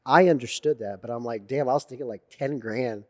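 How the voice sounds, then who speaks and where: A man telling animated stories as a guest in a casual interview, swearing freely and acting out what others said. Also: mid-range voice, brisk. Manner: animated storyteller, swears freely, acts out quotes. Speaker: podcast guest.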